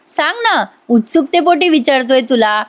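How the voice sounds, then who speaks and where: A woman's voice: sits high, lively intonation, moderate pace. A woman voicing a bossy, sleepy young husband who grumbles and teases his wife in a retold serial scene. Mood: grumbling.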